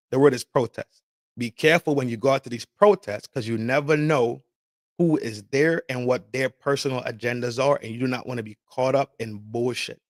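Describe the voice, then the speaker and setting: This man hosts a podcast and speaks in a mid-range voice, recorded cleanly in a studio with no room sound. His casual political rant is full of curses, slang and phrases he keeps repeating, all delivered with emphatic, street-style profanity.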